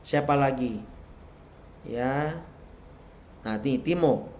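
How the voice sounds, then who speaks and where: A man preaching a sermon at a church service, slow and humorous, leading into prayer. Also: medium pitch, a little mellow, slight background noise. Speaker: pastor. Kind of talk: sermon with prayer and worship singing.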